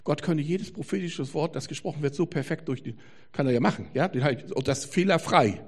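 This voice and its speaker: A man preaching a sermon, telling stories lively and swinging from quiet asides to shouted emphasis. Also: fairly high pitch, fairly quick, breathy edge.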